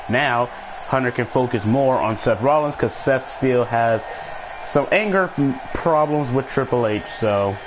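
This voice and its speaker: Over a noisy background, a man with a mid-range voice hosts a live gaming stream, chatting casually and commentating on the action. He often repeats phrases for emphasis.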